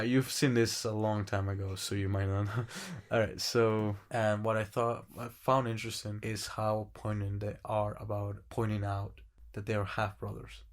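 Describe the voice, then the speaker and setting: A man co-hosting a film podcast, talking casually and rambling, swearing often and laughing between thoughts. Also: on the low side. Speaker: podcast co-host. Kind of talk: casual chat.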